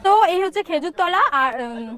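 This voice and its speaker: A woman's voice: extremely high pitch, expressive, fairly quick, fairly bright tone, some chatter behind. A young woman, hosting a casual travel vlog outdoors and talking straight to her viewers in an upbeat, chatty way. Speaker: vlogger host. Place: outdoors by a riverbank.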